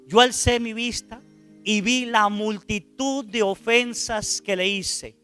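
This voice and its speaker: A man's voice: sits high, fairly even intonation, slow pace, pushed and bright, soft background music. A priest preaching a sermon, retelling a man's account dramatically and asking his listeners questions along the way. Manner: dramatic retelling, voice rising to cries in quoted lines; asks the audience rhetorical questions. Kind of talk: sermon storytelling.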